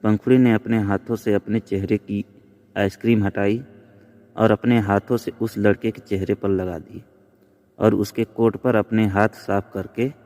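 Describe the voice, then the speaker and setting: Male storyteller, slow measured narration, long reverb. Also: lowish voice, darkish tone.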